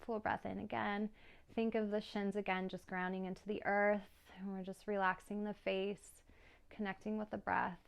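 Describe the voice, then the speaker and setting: A woman yoga instructor calmly guiding a class through breathing and poses, with soft laughs between cues. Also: medium pitch, normal speed, vocal fry, clear, resonant tone.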